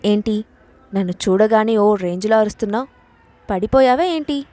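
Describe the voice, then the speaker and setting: A woman's voice: mid-range voice, steady tone, normal speed, a little mellow, close to an everyday voice. A woman voicing an arrogant young husband who is short-tempered and teasing, in a bossy, teasing manner.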